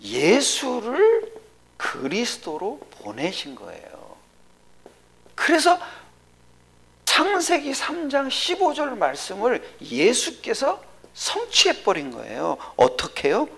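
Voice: medium pitch, wildly swooping pitch, takes it slowly, vocal fry, a bit bright, slightly rough. A pastor preaching a sermon to a congregation, often asking questions and dropping to a whisper for emphasis. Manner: drops to a whisper for emphasis, asks the audience questions.

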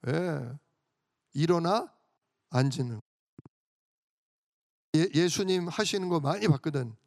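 High-voiced male pastor preaching, dry sound. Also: animated, unhurried, darkish tone, no room sound. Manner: asks the congregation questions and answers them himself; storytelling, emphatic. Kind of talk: sermon.

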